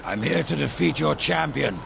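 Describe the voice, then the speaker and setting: A man playing Death, a grim and sardonic horseman in a video game, dry, blunt and menacing, with a gravelly voice. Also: fairly high pitch, lively intonation, normal speed, very noisy. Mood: commanding. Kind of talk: video game cutscene acting. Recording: loud music behind.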